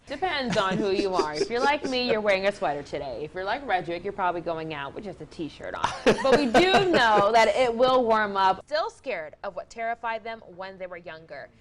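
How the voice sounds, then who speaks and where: News anchor woman, crisp read, upbeat banter, mid pitch. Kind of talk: TV news reading and studio banter.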